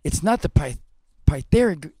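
A man's voice: fairly high pitch, very animated, measured pace, warm tone, husky, no echo, heavily acted. A man voicing a flirty, crude female comic customer in an improvised comedy script reading. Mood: mocking. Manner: crude, teasing, laughs mid-line.

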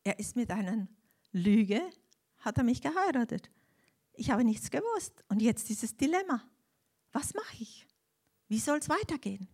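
A woman's voice: a little high, normal speed, husky. An older woman tells her faith testimony to an audience, emotionally shaken and acting out the dialogue as she goes. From Austria. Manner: animated storytelling, acts out dialogue. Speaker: speaker giving a faith testimony.

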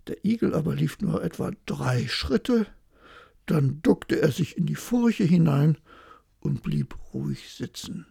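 A storyteller reads a bedtime fairy tale in a gravelly, very husky voice, with lively rises and falls in pitch. The reading is expressive and carries the story along. It is recorded close and dry. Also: unhurried, no echo.

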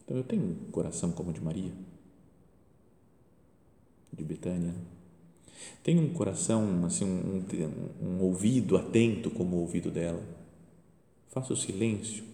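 A Brazilian priest preaches in a relaxed, conversational way, his voice rising and falling through a wide, animated range. His tone is mellow and soft-edged. The sound rings out through a large church with a long, roomy echo. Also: low voice, moderate pace, pauses often. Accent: Brazilian Portuguese. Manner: lively, chatty preaching with frequent rhetorical questions. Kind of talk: conversational homily. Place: church chapel near the tabernacle. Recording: reverberant church hall.

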